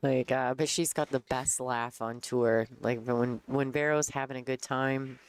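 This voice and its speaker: A woman giving casual commentary on a pool match, chatty and quick to laugh as she tells stories. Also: rumbling low, steady tone, clean tone. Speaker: color commentator. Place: pool hall commentary booth.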